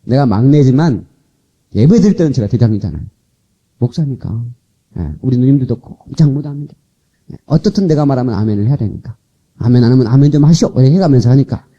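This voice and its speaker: A Korean man preaching a revival sermon as pastor, animated, coaxing and scolding his congregation, heard from an old cassette tape transfer. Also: mid-range voice, quick pace, dull audio. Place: church sanctuary.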